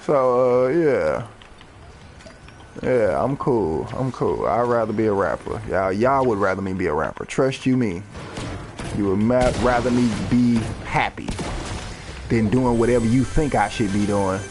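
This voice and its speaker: A man's voice: medium pitch, expressive, measured pace, noisy background. A man in his thirties, a rapper, rambling freely and swearing during casual gameplay commentary. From United States. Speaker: rapper and gaming streamer.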